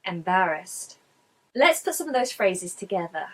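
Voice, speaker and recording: A woman presenter explaining phrases in a measured, explanatory way. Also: medium pitch, sing-song.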